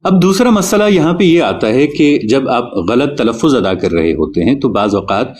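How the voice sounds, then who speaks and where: A man teaching a spoken lesson on correct pronunciation, explaining carefully and spelling out sounds slowly. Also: medium pitch, lively intonation, a little mellow. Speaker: Urdu teacher.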